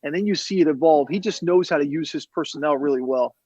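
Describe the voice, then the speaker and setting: A man with a slightly high voice talks quickly and emphatically as a sports reporter giving casual analysis. The call audio is a little dull. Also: darkish tone, dry recording. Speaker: TV sports reporter, studio host, guest. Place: TV newsroom.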